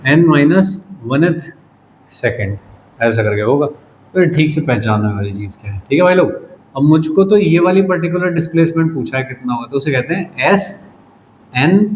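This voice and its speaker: A man's voice: fairly high pitch, expressive, normal speed. A man teaching a physics class in casual Hindi, quizzing his students and teasing them now and then. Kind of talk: classroom lecture. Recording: echoey room with faint noise.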